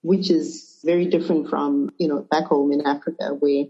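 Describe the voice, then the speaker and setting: A middle-aged woman from Zimbabwe and Zambia, a podcast guest answering questions in a relaxed way with small restarts. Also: low-pitched, moderate pace. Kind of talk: conversational interview answers. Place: remote call. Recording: muffled lo-fi remote audio.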